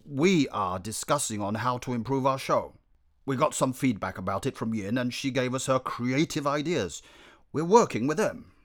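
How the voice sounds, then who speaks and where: A man voicing a calm, thoughtful male circus lion who speaks in a measured, matter-of-fact way with a husky, gravelly voice. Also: mid-range voice, lightly acted.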